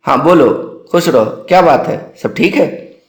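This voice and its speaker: A man's voice: a little high, lively intonation, unhurried. A man voicing a dismissive middle-aged father who lectures his son brusquely on the phone. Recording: roomy echo.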